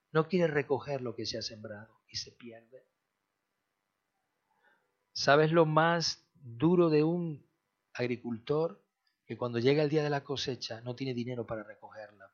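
Passionate Spanish pastor preaching. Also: male voice. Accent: Spain Spanish. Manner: passionate, swings from loud outbursts to soft low phrases. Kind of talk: sermon. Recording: dull lo-fi recording.

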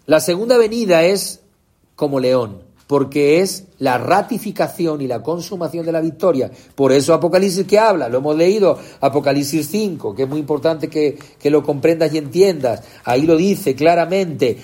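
A man preaching an impassioned sermon, asking the congregation questions and swinging between shouts and low, quiet lines. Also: animated, normal speed, breathy edge.

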